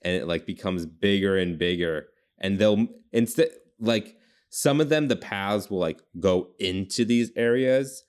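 A man's voice: on the low side, a little slow, darkish tone, smooth. A young man chatting casually on a podcast, rambling through ideas with lots of "like". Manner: rambling, heavy use of "like". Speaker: podcast co-host. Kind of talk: casual brainstorming chat.

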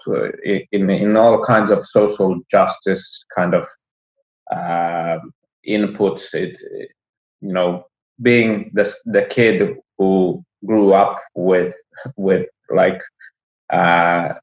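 Deep, slow-talking man on an echoey line. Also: lo-fi sound. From Finland. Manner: halting, frequent restarts. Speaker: podcast guest. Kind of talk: casual interview chat.

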